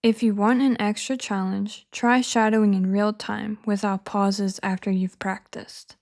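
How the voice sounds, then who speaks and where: A woman narrating a scripted English lesson in a clear, measured, encouraging teaching manner. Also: medium pitch, little pitch movement, darkish tone.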